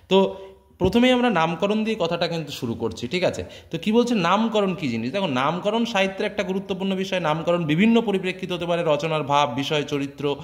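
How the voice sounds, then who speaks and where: A man explaining a lesson to students, in a conversational way with many fillers and checking questions. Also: fairly high pitch. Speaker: teacher.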